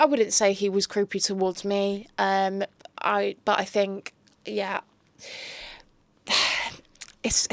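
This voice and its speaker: A woman's voice: mid-range voice, a bit bright, no room sound. A young woman from England, a reality show guest in a casual interview, chatty and hesitant with many fillers, restarts and giggles.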